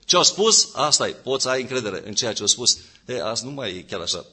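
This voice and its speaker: A man preaches in with a bright, slightly husky voice. He builds to loud, emphatic peaks and then sinks back to a low, steady tone. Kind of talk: sermon.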